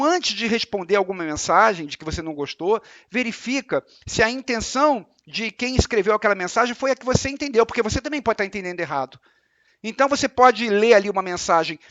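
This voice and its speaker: A man with a Brazilian Portuguese accent giving a spiritual lecture, explaining calmly and repeating his points with examples. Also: high voice, no room sound, muffled recording. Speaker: religious lecturer.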